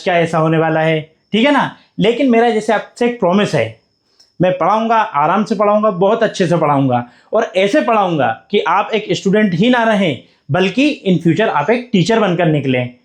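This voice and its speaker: A man teaching beginners at a board, coaxing them along by asking questions and answering them himself. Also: sits high. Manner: coaxing, repeats questions back to the class. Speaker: English teacher. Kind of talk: whiteboard lesson for beginners.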